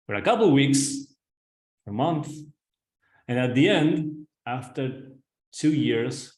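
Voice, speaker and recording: Over a video call, a man from Argentina delivers a webinar as an executive coach, his Argentine Spanish accent coloring a mid-range voice with a darkish tone. Earnest, he speaks straight to the audience and keeps tagging lines with "right?". Echoey room, poor audio.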